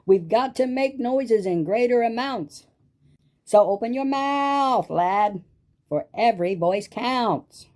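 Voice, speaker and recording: High-pitched, urgent mayor. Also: male voice, expressive, takes it slowly, a little mellow, heavily acted. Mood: urgent, rousing. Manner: urgent, declamatory. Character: frantic small-town mayor rallying his people. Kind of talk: animated storybook reading.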